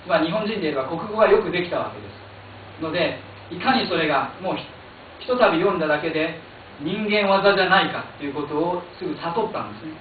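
A man's voice: fairly high pitch, animated. Japanese-accented man moderating, echoey and distant. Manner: halting, many fillers and restarts in English. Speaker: panel moderator. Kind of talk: bilingual panel moderation. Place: small meeting room indoors. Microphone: stand mic, filmed from far camera. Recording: echoey, distant, phone-like hiss.

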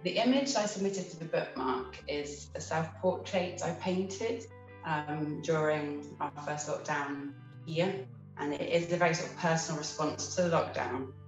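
A woman's voice: low voice, measured pace, soft background music. A woman artist speaking earnestly in an interview, with frequent ums. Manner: earnest, with many fillers. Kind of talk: interview monologue. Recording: echoey room, mic far off.

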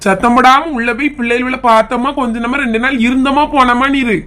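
A woman's voice: sits high, fairly even intonation, fast, a bit bright. A woman with a Kanyakumari Tamil accent playing a tired married son who pleads with his mother and defends his wife in a comedy skit. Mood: exasperated. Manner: exasperated and placating.

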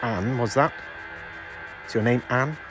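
A man on a ghost hunt, slowly and patiently putting questions to unseen spirits at an old estate ice house. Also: medium pitch, over loud music. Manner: slow, coaxing questions to an unseen listener. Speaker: ghost hunter.

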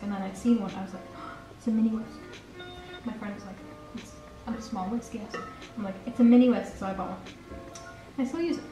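Chatty teen girl in a kitchen. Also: medium pitch. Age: teens. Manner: rambling, chatty, self-correcting. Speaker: vlogger. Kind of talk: casual baking vlog chat. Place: home kitchen, indoors. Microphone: camera across the kitchen. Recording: roomy kitchen echo, distant camera mic, background music.

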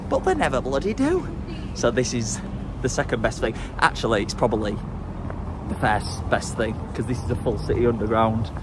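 A young travel vlogger chats casually to a handheld camera held at arm's length as he walks city streets, cheeky and playful. His mid-range voice is expressive at a moderate pace, with background noise audible.

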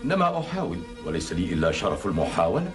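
A man's voice: sits low, big pitch swings, very fast. A middle-aged man playing a pious, humble but firm caliph in a classical Arabic historical drama, speaking in a solemn, formal way. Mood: grave, humble. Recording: dated TV drama soundtrack with music.

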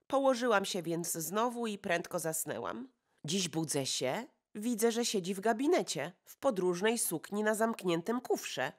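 A woman reading an audiobook, voicing an excitable, chatty young society woman who talks in breathless exclamations. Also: mid-range voice, a little slow. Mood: chatty, confiding. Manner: breathless exclamations, gossipy rush.

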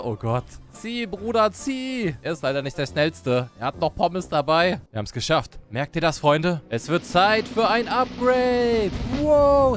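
Excitable gaming streamer guy, lively pitch. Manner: joking, playacting a washed-up beer-bellied Thor; excitable, frequent "oh, oh" exclamations. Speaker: gaming YouTuber. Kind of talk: Let's Play commentary.

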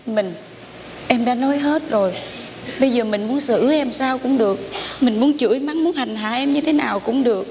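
An actress playing a long-suffering young wife with a Southern Vietnamese accent, speaking in soft, pleading tones on stage. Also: female voice, fairly high pitch, normal speed, lightly acted. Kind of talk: stage drama acting. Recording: stage recording with background noise.

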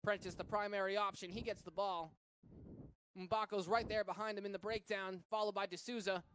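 A man from Massachusetts calls a rugby match play by play in a fairly high voice. His delivery is energetic and jumps to shouts when a runner breaks loose. A faint hiss of noise sits under the commentary. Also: normal speed. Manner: energetic play-by-play, surging to shouts on big runs.

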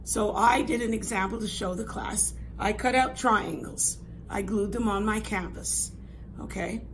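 A woman in her sixties with a hoarse, raspy voice that thins toward a whisper at times, teaching an art lesson in an instructive, emphatic way. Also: medium pitch, measured pace. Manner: instructive, emphatic, checks understanding with "okay?". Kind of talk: classroom lesson, explaining an assignment. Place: classroom art room, indoors. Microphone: camera a few metres away. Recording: clear room noise.

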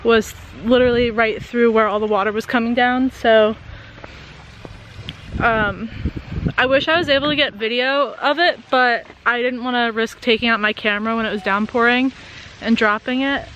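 A woman's voice: on the high side, fairly even intonation, moderate pace, fairly bright tone, muffled recording, slight background noise. A young woman chatting casually and giggling often as a travel vlogger, filming herself on a phone outdoors on a hiking trail. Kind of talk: casual travel vlog chat. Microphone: phone camera at arm's length.

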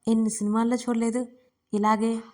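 A woman's voice: a little high, little pitch movement, normal speed, a little mellow, lightly acted. A woman voicing a chatty, prying young woman who teases her best friend in an audiobook romance. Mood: teasing. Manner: chatty, prying, playfully mischievous. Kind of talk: audiobook character reading.

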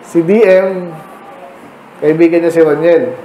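A Filipino pastor with a fairly high, soft-edged voice teaches a midweek Bible study. He talks in a conversational way, slips into English, and keeps checking in with his listeners. The sound carries an echo from the church hall and a faint hum of ambient noise. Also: fairly even intonation, measured pace. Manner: conversational, mixing English into Tagalog, asking the congregation questions.

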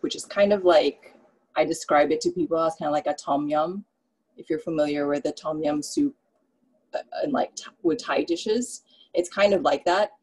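A woman raised in the Philippines teaches a casual cooking class from her home kitchen over a video call, rambling in a relaxed way with lots of fillers. Her voice is low, picked up by a laptop webcam in a low-quality recording.

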